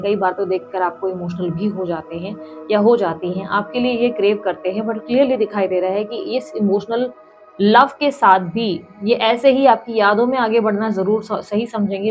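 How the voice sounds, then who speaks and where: Tarot lady reading cards to camera, keeps repeating stuff for emphasis, soft music behind. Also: medium pitch, steady tone, normal speed. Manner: speaks straight to the viewer, repeats points for emphasis; calls on the universe between cards. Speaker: tarot card reader.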